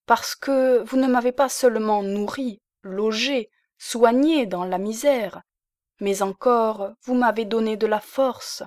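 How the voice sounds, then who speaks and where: A woman's voice: on the high side, slow, no room sound, clean studio sound, pitched above the performer's own voice. Woman reading a meek young exiled artist. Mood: grateful. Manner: gentle, plaintive. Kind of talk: audiobook character reading.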